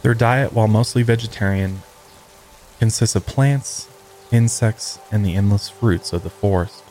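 A man giving slow, measured, scripted narration for a nature documentary. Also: fairly low pitch, warm tone, soft background music, rough recording. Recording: faint rain in background.

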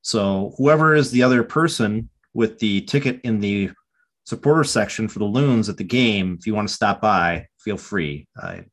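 A man's voice: fairly low pitch, expressive, normal speed. An American man hosting a casual sports fan podcast, chatting informally. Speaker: podcast host.

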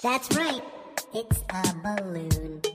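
A woman's voice: mid-range voice, expressive, slow pace, over loud music. A woman hosting a children's show, presenting in a playful sing-song way.

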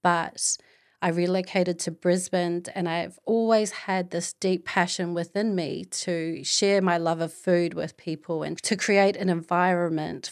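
A woman's voice: on the low side, gravelly. A middle-aged woman with a Māori New Zealand accent, hosting a podcast as an earnest, encouraging motivational monologue. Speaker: podcast host.

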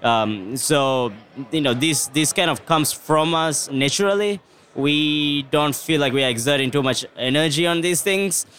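Earnest, steady male guest. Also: on the high side, unhurried. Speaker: technology operations manager, guest. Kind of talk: interview answers.

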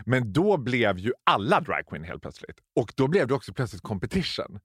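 A man, a former drag queen working in cosmetics retail, chatting in an interview as an animated storyteller who mixes in English phrases. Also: slightly rough, dry recording, clean studio sound. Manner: animated storyteller, mimics customers in high voices, laughs often. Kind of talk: casual interview chat.

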